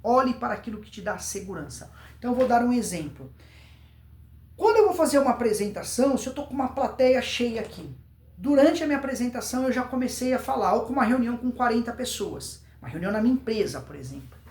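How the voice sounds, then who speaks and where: This Brazilian man's voice is very high-pitched and darkish, swinging widely in pitch as he talks fast. He gives an informal public speaking lesson to camera in an emphatic style, repeating words and answering his own questions. The audio is roomy and echoing.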